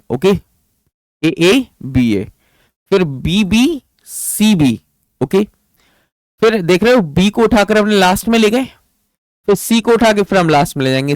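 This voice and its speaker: A man teaching English grammar in an exam-prep lecture with an Indian accent, reading English lines slowly and then explaining them in Hindi, often asking a question and answering it himself. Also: a little high, no room sound, poor audio.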